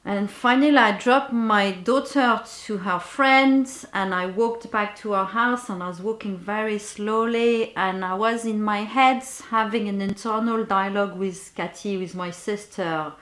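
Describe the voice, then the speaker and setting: Speaking to the camera, a woman who works as a bereavement guide shares a personal story, slow and reflective, often pausing as she searches for words. Her pitch is medium and her tone fairly bright, with a roomy echo around her.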